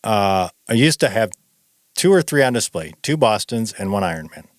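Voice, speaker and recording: A relaxed man in his forties talks through a running podcast in a loose, rambling way, with a low voice and a quick laugh. The sound is dry and close, with no room around it. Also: no echo. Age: 40s. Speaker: podcast co-host. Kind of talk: casual chat.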